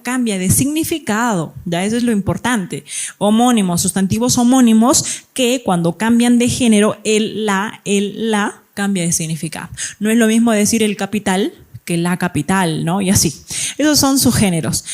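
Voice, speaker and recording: A woman teacher gives a grammar lesson. Her voice sits at a middle pitch. She walks through rules one by one and keeps checking that the class follows. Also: darkish tone. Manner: explains step by step, checks understanding with "¿ya?" and "¿no?".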